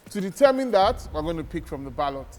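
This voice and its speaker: A man's voice: a little high, very animated, fast. A man hosting a cooking competition, energetically announcing instructions to the contestants in a studio kitchen. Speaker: host. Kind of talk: hosting a reality cooking show. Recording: reverberant set with music.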